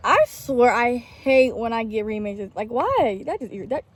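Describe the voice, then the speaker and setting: A woman's voice: on the high side, lively intonation, normal speed. A woman from Dallas, Texas, chatting casually outdoors for a vlog, scolding and soothing a child between remarks to viewers. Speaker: vlogger. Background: music.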